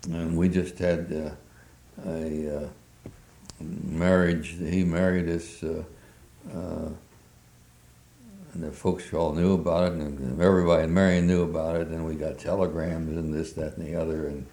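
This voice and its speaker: An older man with an extremely deep, mellow voice recounts memories in an oral history interview. He speaks haltingly, filling his pauses with many hesitations. The recording is roomy and echoey. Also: flat delivery. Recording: roomy echo.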